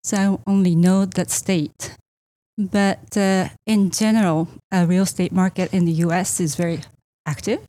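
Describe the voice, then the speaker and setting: Japan-born female realtor, middle-aged, hesitant and filler-heavy, dark tone. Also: fairly low pitch, steady tone, moderate pace. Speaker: real estate agent. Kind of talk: interview answers.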